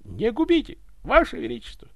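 A man's voice: sits high, big pitch swings, normal speed, no room sound, studio quality, pitched above the performer's own voice. A man voicing a fawning, flustered old butler. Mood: begging. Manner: pleading, obsequious. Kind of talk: audiobook character voice.

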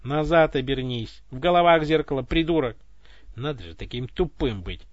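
A man's voice: mid-range voice, lively intonation, moderate pace, dry recording, lightly acted. A man voicing an arrogant tsar who lives as a voice in someone's head, scornful and cursing, on a dull, dry recording. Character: arrogant foul-mouthed tsar voice inside a head.

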